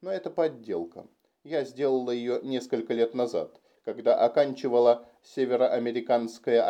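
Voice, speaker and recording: A frank, childlike young forger girl of nineteen, played by a man reading an audiobook. She speaks plainly, with a soft, dark, mellow tone. Her questions come out blunt and a little naive. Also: mid-range voice, natural voice. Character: blunt 19-year-old girl document forger.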